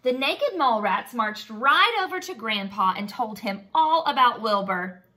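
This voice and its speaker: A woman teacher reads a storybook expressively to young children, asking them simple questions and praising them as part of the lesson. Her fairly high voice is expressive, bright and forceful, delivered at a measured pace.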